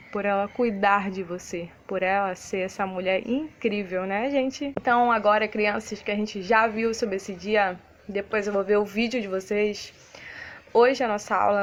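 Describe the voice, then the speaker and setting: A woman's voice: mid-range voice, slight background noise. A woman with a Brazilian Portuguese accent, a primary school teacher giving a recorded lesson to young children, patiently explaining and checking in with her pupils. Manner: patient, didactic, checks in often with "né, crianças?".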